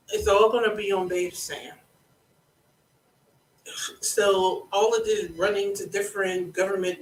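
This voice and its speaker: A government contracting consultant hosting a live educational monologue, speaking deliberately and repeating key points, with a scratchy throat that keeps needing a clear. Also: medium pitch, far from the mic. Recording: roomy echo, speaking away from the mic.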